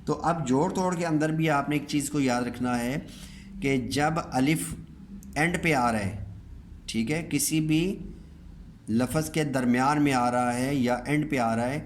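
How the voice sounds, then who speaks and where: A man teaching reading and writing in a step-by-step spoken lesson, patiently repeating each word slowly and checking that students follow. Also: medium pitch, slight background noise.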